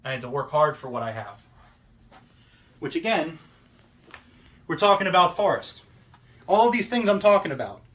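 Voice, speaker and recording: A man delivering a self-important, accusatory wrestling promo monologue, with deliberate pauses and rhetorical questions. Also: fairly high pitch, big pitch swings, a bit bright.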